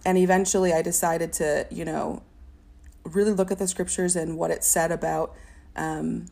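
A young woman giving a personal testimony in an interview, talking in a halting, reflective way with many fillers and a stutter. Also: on the low side, level tone, creaky, darkish tone. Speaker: interview guest.

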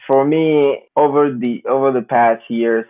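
A man's voice: mid-range voice, fairly even intonation, measured pace, a little mellow, low-quality recording. A man, a podcast guest, speaking thoughtfully with frequent hesitations. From Ghana. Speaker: interview guest. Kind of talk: casual interview.

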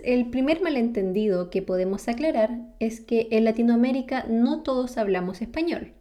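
This vlogger, a Chilean woman who speaks Spanish natively with a Chilean accent, explains ideas to camera in a friendly way. Her voice is mellow and on the high side, and she often asks listeners questions and laughs between points.

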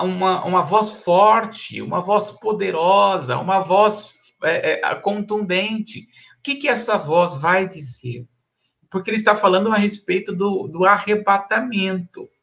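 Pastor guy preaching on a stream, kinda high voice, lots of gravel, repeats himself for emphasis. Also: fairly bright tone. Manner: emphatic, repetitive, chuckles between points. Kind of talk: live-streamed Bible study preaching.

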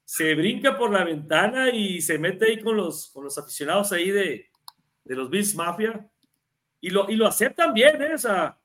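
Mexican guy on a football talk show, highish voice, chatty, keeps restarting words. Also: sing-song, moderate pace, fairly bright tone. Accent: Mexican Spanish. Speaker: NFL podcast co-host. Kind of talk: casual sports analysis chat.

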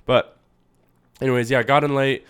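A man's voice: medium pitch, fairly even intonation, moderate pace, fairly bright tone, clear, resonant tone. A young man co-hosting a podcast, telling a story in casual chat with lots of fillers and quoted asides. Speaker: podcast co-host.

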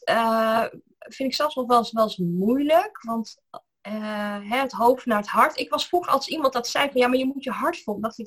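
Husky-voiced woman on a video call, yoga teacher, searching for words, lots of ehs and restarts. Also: medium pitch, fairly bright tone. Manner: hesitant, many fillers and restarts. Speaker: interview guest, yoga teacher. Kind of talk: reflective conversation.

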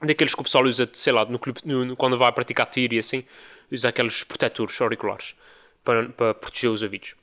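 A young man with a European Portuguese accent, hosting a podcast and telling a story casually, mimicking people he describes. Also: fast talker. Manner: animated storytelling, mimics others in high voices. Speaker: podcast host.

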